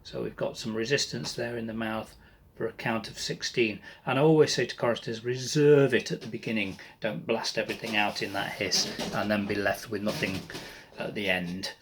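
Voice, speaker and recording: A man leading a choir breathing warm-up, counting slowly and calmly with friendly asides to his singers. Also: fairly low pitch, slight background noise. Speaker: choir leader. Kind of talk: breathing exercise lesson.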